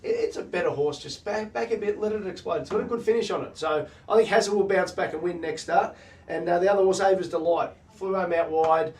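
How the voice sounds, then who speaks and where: A man hosts a casual racing discussion at a quick clip. His voice sits a little high. He speaks in punchy, jargon-filled phrases, picked up from slightly away from the microphone. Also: darkish tone. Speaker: host of a horse racing talk show. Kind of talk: casual racing chat and analysis. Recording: distant mic.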